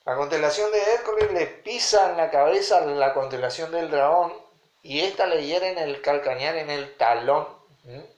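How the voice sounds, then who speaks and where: A man, teaching a Bible study and checking in with his listeners often. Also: on the high side. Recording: roomy echo.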